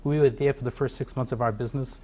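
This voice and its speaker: A man's voice: medium pitch, fairly even intonation, fast talker, mellow. A middle-aged man from Portugal, a company founder, speaking in a TV business interview with many fillers and restarts. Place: TV studio.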